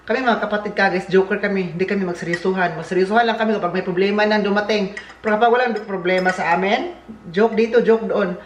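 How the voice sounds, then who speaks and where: A man's voice: sits high, steady tone, fast. A man with a Filipino accent, chatting casually and jokingly as a vlogger, with rambling asides. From Philippines. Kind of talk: casual vlog chat. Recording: echoey room, faint background hiss.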